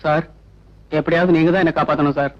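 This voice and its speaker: A man's voice: a little high, steady tone, fast talker, dull audio, natural voice. An actor playing a confident young male singer who talks in a cool, teasing way. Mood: playful. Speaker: stage singer.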